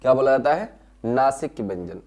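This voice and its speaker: A man's voice: mid-range voice, lively intonation, fairly quick, darkish tone. Male teacher, classroom lesson: patient, repeats terms, sounds out syllables, answers his own questions.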